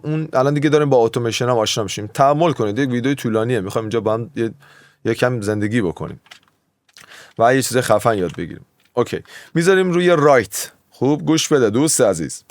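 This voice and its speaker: In a medium-pitched voice recorded without room sound, a man who produces music walks through mixing techniques. His tutorial is conversational and meandering, and he regularly dismisses his own side tracks.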